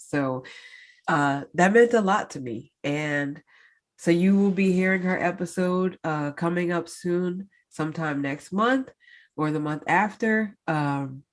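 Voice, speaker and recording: A woman hosts her own podcast, giving a casual solo update to listeners she addresses directly. Her voice is deep and a little slow, congested and nasal from a stuffed-up nose. She is chatty, with many fillers and a lilt.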